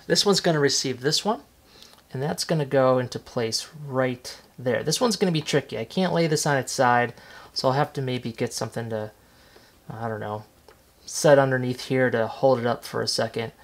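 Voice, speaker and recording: A man casually talking through a hands-on model-building tutorial at his workbench, relaxed and chatty with lots of fillers. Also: mid-range voice, vocal fry. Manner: relaxed and chatty, many fillers, self-correcting. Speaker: model railroad hobbyist host. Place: workbench indoors, off camera.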